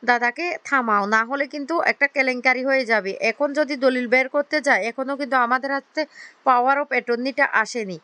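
A woman voicing a quick-tempered, scheming young sister-in-law. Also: sits high, pushed and bright, dry recording. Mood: angry. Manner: snappish, angry, conniving.

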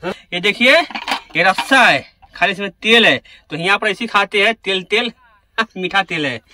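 A man's voice: high-pitched, lively intonation, normal speed, sharp tone, a little hiss or hum. A young man who drives trucks, chatting casually to his viewers from farm fields beside his truck and filming on a phone. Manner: chatty, addresses viewers directly. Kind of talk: casual vlog narration.

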